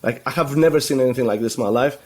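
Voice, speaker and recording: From a room at home filled with shelves of toys, a man who grew up in Greece, now a web agency founder, is interviewed casually by video call. He talks rapid-fire in an ordinary mid pitch with a breathy edge, rambling through restarts and "you know" fillers and laughing easily.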